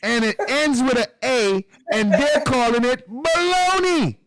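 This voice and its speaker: Host, male, high-pitched, unhurried, laughing profane banter. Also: fairly bright tone. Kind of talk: casual chat.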